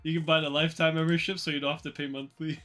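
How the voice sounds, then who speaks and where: Man, livestream host, casual market commentary, rambling chatty delivery, a bit high-pitched. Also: flat delivery, rapid-fire, a bit bright, faint music behind. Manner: chatty, loose, answers chat aloud with filler and repeats.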